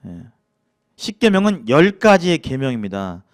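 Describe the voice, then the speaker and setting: A man's voice: medium pitch, moderate pace. A man with a Jeolla accent teaching a casual church Bible lecture, asking the class questions and acting out grumbling quotes. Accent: Jeolla Korean. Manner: lively, acts out grumbling quotes, chuckles, asks the class questions.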